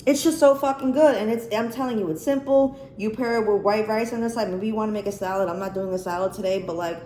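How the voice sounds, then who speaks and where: An American woman hosts a cooking vlog, chatting informally to camera with plenty of swearing. Her mid-range voice is quick and dark-toned, recorded in an echoey room with faint background noise.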